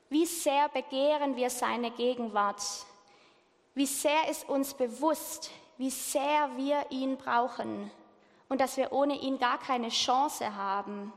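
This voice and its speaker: A woman preaching a sermon slowly and deliberately, asking the congregation questions. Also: sits high. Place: church hall. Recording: reverberant church hall.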